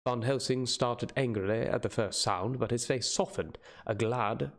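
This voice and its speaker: A man's voice: mid-range voice, normal speed. A man narrating a classic novel as a hammy dramatic reading, sometimes stumbling and going back over phrases. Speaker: reader. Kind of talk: dramatic audiobook-style narration.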